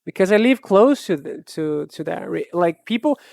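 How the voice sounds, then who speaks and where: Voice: medium pitch, lively intonation, moderate pace, gravelly, a little mellow, no echo. Chatty Brazilian-accented streamer, dry sound. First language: Portuguese. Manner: thinking aloud, chatty, musing. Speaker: art livestreamer. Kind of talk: casual chat with live viewers.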